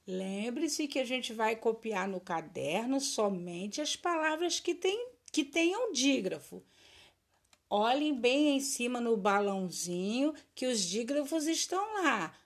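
A woman's voice: fairly high pitch, lively intonation, unhurried. A woman teacher giving a recorded lesson for children, drilling words in a patient sing-song and praising her pupils.

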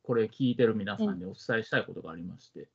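A man with a Kansai Japanese accent co-hosting a casual podcast, with drawn-out, hesitant phrasing. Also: on the low side, creaky, husky. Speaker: podcast co-host. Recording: dull, lo-fi audio.

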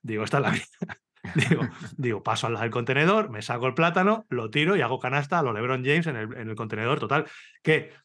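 Fast-talking man telling a funny story. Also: mid-range voice. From Spain. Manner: animated storytelling, swearing, laughing. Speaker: podcast host. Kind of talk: casual chat. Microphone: video call.

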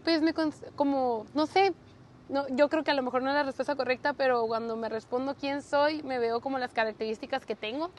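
Young female co-host, high-pitched, casual and hesitant. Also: steady tone, a little fast, a little hiss or hum. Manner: hesitant, searching for words. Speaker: podcast co-host, psychologist. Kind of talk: casual conversational podcast.

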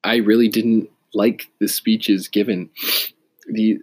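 A man's voice: lowish voice, level tone, slow pace, darkish tone. A man with a stuffy nose from a cold, talking in a rambling, hesitant casual monologue full of fillers and self-corrections. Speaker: vlogger.

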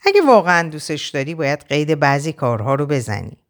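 A woman's voice: sits low, expressive. A woman voicing a blunt young female friend who teases and lectures, in an audiobook reading. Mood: teasing. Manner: brisk, advising.

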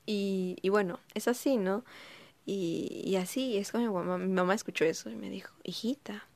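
A woman's voice: mid-range voice, normal speed, gravelly, a little mellow. An eighteen-year-old woman with a Peruvian accent telling family stories in a chatty, casual way, full of fillers. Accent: Peruvian Spanish. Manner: chatty, lots of fillers and laughing asides. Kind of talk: casual storytelling monologue.

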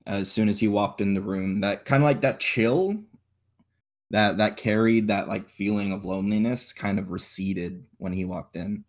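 A man narrating as game master, explaining in a halting, improvised way. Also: lowish voice.

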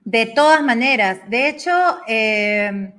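A woman's voice: a little high, slow pace, a bit bright. A woman hosting an interview, speaking reflectively with tag questions and frequent restarts. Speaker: host. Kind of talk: conversational interview.

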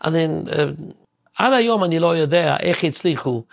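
Man, gravelly, dry close sound, halting casual storytelling, frequent restarts. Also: a little high, expressive, no echo. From Williamsburg, New York. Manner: halting, searching for words, many restarts. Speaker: guest composer.

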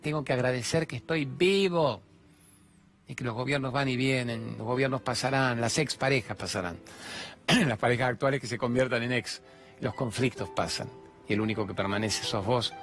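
An Argentine man with a lowish voice and an Argentine Spanish accent hosts self-help radio, giving a motivational talk mixed with storytelling. He's animated and preachy, acting out the characters in his stories.

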